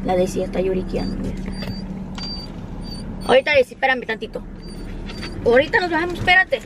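A woman's voice: high-pitched, very animated, a little fast, noisy background. A Mexican woman chatting casually in a vlog, talking to her dogs in squealy baby talk, filmed on a handheld phone in a car and a sunny yard. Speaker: vlogger.

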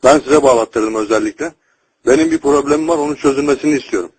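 A man's voice: mid-range voice, quick pace, breathy edge, no room sound. A man making a heated, foul-mouthed, confrontational complaint as a customer over a landline phone. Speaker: customer calling a phone company helpline. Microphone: telephone line. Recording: noisy landline phone call recording.

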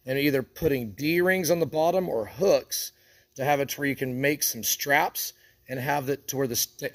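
A man from an equipment shop explaining step by step how to build a trailer rig, talking practically while he handles the parts. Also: mid-range voice. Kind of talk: hands-on how-to walkthrough.

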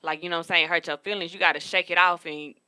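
A podcast co-host in her 20s speaks at a quick pace in a bright, clean voice on the low side, with fairly even intonation. She tells candid, profane stories in a casual chat recorded in a studio room with a city backdrop.

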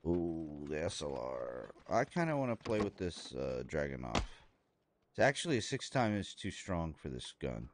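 A man streaming a shooter game live, thinking aloud as he loots, excitable, with his voice jumping up high at times. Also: normal speed, noisy background. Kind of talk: live gameplay commentary.

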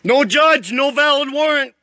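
A man's voice: very high-pitched, a little slow, sharp tone, dry recording. A man in a standoff with police, arguing defiantly, interrupting and repeating himself on a phone live stream. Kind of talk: heated argument, live-streamed.

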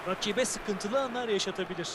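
Noisy background, male co-commentator, high voice, analytical football commentary, opinionated. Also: brisk. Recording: loud noise behind the voice.

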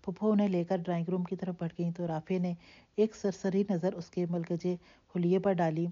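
Warm low-voiced woman reading a novel. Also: flat delivery. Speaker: narrator. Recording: dull lo-fi recording.

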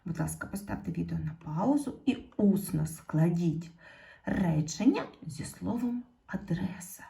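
A woman's voice: on the low side, lively intonation, creaky, mellow. A woman teaching a video lesson to young pupils in a patient, encouraging way, speaking. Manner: slow, patient, addressing pupils directly. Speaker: primary school teacher.

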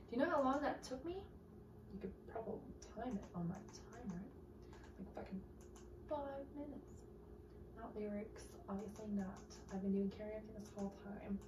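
A woman's voice: mid-range voice, recorded from a distance, background noise. A woman vlogging at home, muttering to herself, swearing and joking in exasperation. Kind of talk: casual chatter to camera. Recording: roomy echo from off-mic.

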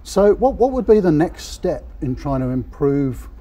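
A man's voice: a little high, big pitch swings, moderate pace, warm tone. A man in his fifties hosting an interview in a large warehouse, upbeat and chatty, with a lapel mic. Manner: upbeat, chatty, frequent "yeah" affirmations. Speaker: host. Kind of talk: on-site interview.

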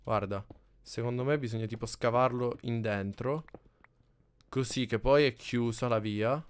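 A man's voice: medium pitch, fairly even intonation, a little slow, clear, resonant tone. A man hosting a gaming channel, chatting casually and teasing his co-player while they build together. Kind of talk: casual let's-play banter.

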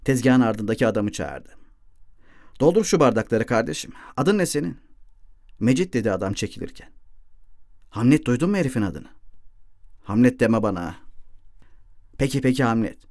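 A man's voice: mid-range voice, lively intonation, normal speed, long pauses, a little mellow, no room sound, clean studio sound. A man reading a literary novel aloud as an audiobook narrator, giving the dialogue lines lightly shifted voices.

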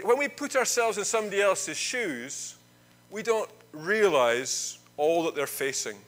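A man's voice: sits high, fairly bright tone, poor audio. A Scottish man leading a church service, chatting with the congregation and telling a Bible story in a playful, informal way.

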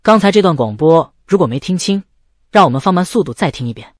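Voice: mid-range voice, expressive, fast, heavy background noise. A language lesson presenter giving scripted, methodical explanations as instructional narration.

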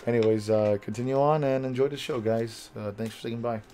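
A young American man with a raspy voice, chatting casually to camera in a rambling, jokey, laid-back way as he hosts an unboxing vlog. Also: mid-range voice, steady tone, a little fast, dark tone. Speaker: host of a card unboxing vlog. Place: small bedroom, indoors.

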